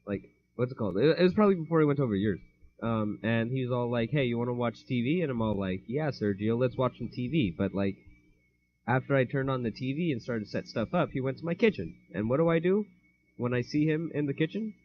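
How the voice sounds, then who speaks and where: A young man co-hosts a podcast in a casual, rambling chat, laughing a lot and frequently tripping over his words. His mid-range voice is expressive and quick. The sound is dull and lo-fi, like a home microphone.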